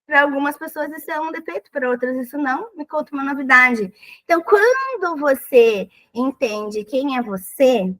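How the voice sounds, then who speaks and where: A woman with a thin, high voice talks in a relaxed, conversational way as a podcast guest. She is animated and expressive, and she jumps into small acted-out quotes. Her pitch sits well above most women's. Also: moderate pace, low-quality recording. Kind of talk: casual conversational advice.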